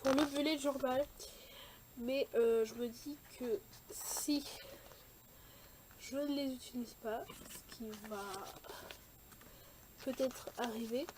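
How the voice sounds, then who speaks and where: A young woman with a high, light voice talks viewers through a scrapbooking page at an unhurried pace. She hesitates often, trailing off and restarting her sentences, with a faint hiss of noise behind her. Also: steady tone. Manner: hesitant, many fillers and restarts. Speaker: scrapbooking vlogger. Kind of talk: casual craft tutorial chat.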